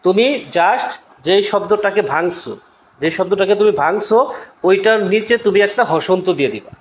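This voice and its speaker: A man with a notably high voice gives a casual exam-prep lesson. He repeats each point and keeps checking that his students follow. The room rings with echo, and a faint hiss sits underneath. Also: moderate pace. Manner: chatty, repeats points, asks "okay?" often.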